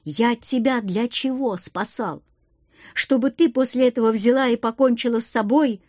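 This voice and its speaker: Woman voicing an angry young male commander, scolding, gruff, mid pitch. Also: lively intonation, unhurried, dry recording, studio quality. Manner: shouting, scolding.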